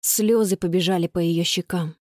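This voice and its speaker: A woman narrating a children's audiobook with expressive storytelling. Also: fairly low pitch, moderate pace, no room sound, studio quality.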